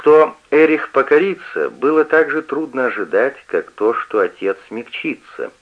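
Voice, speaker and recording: A man narrating a story in an expressive, measured reading, on a dull lo-fi radio recording. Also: mid-range voice. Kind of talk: scripted audiobook narration.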